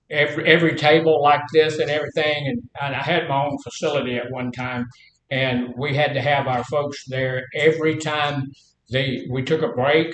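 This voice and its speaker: A man's voice: a little high, roomy sound, slight background noise, low-quality recording. A middle-aged man teaching a casual class, folksy and full of questions to the room. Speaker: health instructor.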